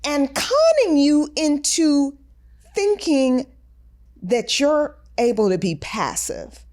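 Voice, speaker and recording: Woman cohost, talks big and animated, pitch swinging all over, kinda high. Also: takes it slowly. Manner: emphatic, quotes people in voices. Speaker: podcast co-host. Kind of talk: casual chat.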